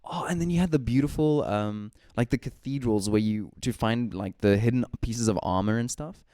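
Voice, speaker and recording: On a casual gaming podcast, this co-host meanders through his ideas, full of "likes" and "ums," and laughs readily. He has a medium-pitched, dark-toned voice at a moderate pace, recorded cleanly in a studio with no room sound.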